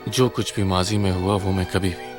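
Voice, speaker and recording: A man dubbing a calm, protective young man. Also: deep voice, moderate pace, natural voice. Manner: calm, earnest, reassuring. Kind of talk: dubbed TV drama. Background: faint music.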